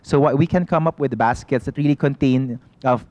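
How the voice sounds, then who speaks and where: Man, mid-pitched voice, dry close sound, patient explainer, lots of fillers. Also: a little fast, darkish tone, no room sound, muffled recording. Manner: explains patiently, with frequent "you know" fillers and restarts. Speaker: organic food shop owner, studio guest. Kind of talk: casual explanatory talk-show chat.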